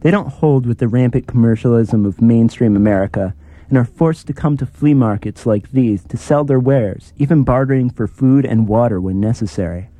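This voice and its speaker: A man's voice: mid-range voice, moderate pace, dark tone, no echo, close to an everyday voice. A man playing a bookish, pedantic companion in a comedy audio drama, wordy and matter-of-fact. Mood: dryly pedantic.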